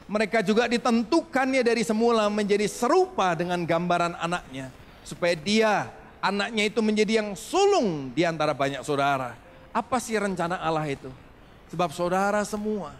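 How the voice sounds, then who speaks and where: A man's voice: high-pitched, a little hiss or hum. A male pastor preaching a sermon, telling stories and calling for amens from the congregation. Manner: animated storytelling with congregation call-and-response.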